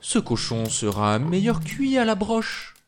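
A man voicing the bossy wife of a giant in a storybook reading, high and sharp. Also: wildly swooping pitch, a little slow, background noise, heavily acted. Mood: brisk. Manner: sharp, raised, scolding.

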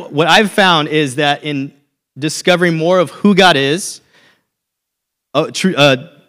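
A man's voice: fairly high pitch, a bit bright. A man in his thirties preaching a sermon as a pastor, telling a personal story in a conversational way and checking in with "okay?" often.

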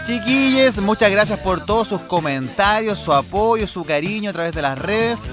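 Un hombre con acento chileno conduce un podcast en tono de charla, juguetón y teatral. Su voz es aguda y sube y baja con mucha expresión. Se oye una música de fondo bajo la voz. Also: male voice, sits high, lively intonation, normal speed, music in the background. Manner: theatrical, playful host delivery. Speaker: podcast co-host. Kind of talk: casual podcast chat.

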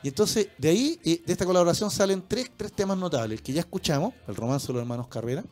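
Hosting a radio show, a Chilean man talks casually about music and keeps slipping in tag questions. His voice is a little high, expressive, and a little mellow, and he speaks fast over faint background music.

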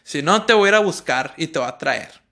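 A strict Mexican father lays down the law about curfew, as a man puts him on. He speaks firmly and slowly, with a bright voice that sits on the high side. The tone is clipped and allows no argument. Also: expressive. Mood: stern. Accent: Mexican Spanish. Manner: stern, laying down the law.

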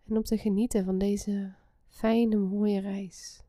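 A woman guiding a relaxation meditation in a soft, soothing, breathy half-whisper. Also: mid-range voice, level tone, slow pace, no room sound, studio quality. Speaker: guided meditation host.

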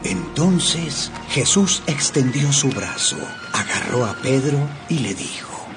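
Expressive man narrating a Bible audiobook. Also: mid-range voice, slow pace. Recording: narration over background music.

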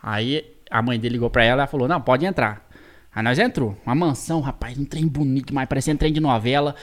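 A man's voice: mid-range voice, fast talker. A man with a rural Brazilian interior accent, telling a story in folksy style as a talk show guest. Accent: rural Brazilian interior (caipira).

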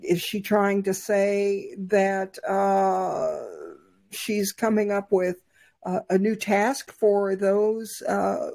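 A woman co-hosting a discussion podcast, speaking slowly and deliberately and stopping often to gather her words. Her voice is dark and gravelly, with a husky edge. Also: mid-range voice. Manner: measured, thoughtful, with frequent fillers. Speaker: podcast co-host.

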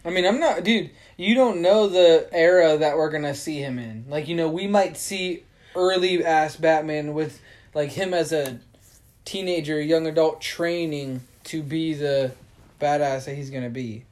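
A young man co-hosting a podcast, talking casually and excitedly with slang and trailing restarts. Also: on the high side, a little slow. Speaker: podcast co-host. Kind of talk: casual chat.

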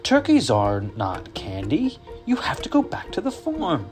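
A man's voice: a little high, wildly swooping pitch, unhurried, darkish tone, soft background music, pitched above the performer's own voice. A man voicing a strict, bossy male elf guard in a storybook, scolding in a firm, raised voice. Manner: scolding, emphatic.

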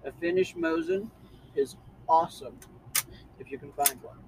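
A man's voice: fairly high pitch, moderate pace, darkish tone, a little hiss or hum, low-quality recording. A man co-hosting a podcast in casual chat, matter-of-fact and explaining details. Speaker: podcast co-host.

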